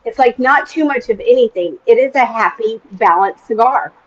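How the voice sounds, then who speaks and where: A middle-aged woman with a Texan accent co-hosting a casual tasting chat, talking in a chatty way with fillers and quick restarts. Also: on the high side, breathy edge, highs cut off. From Texas. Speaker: podcast co-host.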